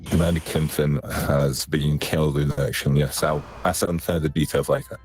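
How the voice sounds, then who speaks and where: A man playing a stern marine major in a roleplay game, speaking in formal military radio style through a voice changer that lowers the voice and sometimes clips. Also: flat delivery, moderate pace, a little mellow. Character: stern male marine major commanding a battered base. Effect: voice changer that lowers the voice, sometimes clipping. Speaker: player in a space roleplay game.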